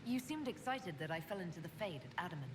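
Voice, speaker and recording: A composed fantasy game hero. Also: female voice, on the low side, very animated, fast talker. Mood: calm. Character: female Inquisitor, calm hero leader. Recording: distant game audio with noise.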